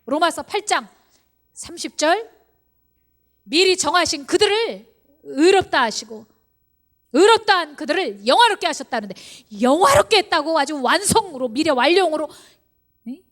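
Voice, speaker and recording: A woman pastor preaching an animated sermon. She fires rhetorical questions at the congregation and urges them on. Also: sits high, moderate pace, pauses often. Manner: animated, acts out believers' inner voices.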